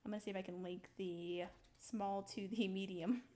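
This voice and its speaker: A young woman casually talking through her building in a video game, rambling slowly with lots of ums and little laughs. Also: medium pitch, steady tone, mellow. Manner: slow, rambling, giggly, full of ums. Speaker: streamer building in a survival game. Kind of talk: casual gameplay commentary.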